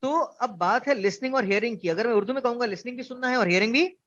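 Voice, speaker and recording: A man's voice: very high-pitched, quick pace, a bit bright. Give me a man teaching an online class, asking his students questions, on muffled audio. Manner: explains with examples, asks students questions. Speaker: instructor. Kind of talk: online orientation lecture.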